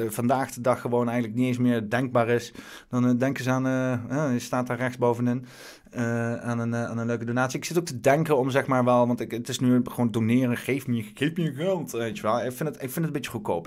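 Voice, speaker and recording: A man hosting his own stream, giving casual, rambling commentary on the news, full of fillers and restarts. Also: medium pitch. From Netherlands. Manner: halting, many fillers and restarts.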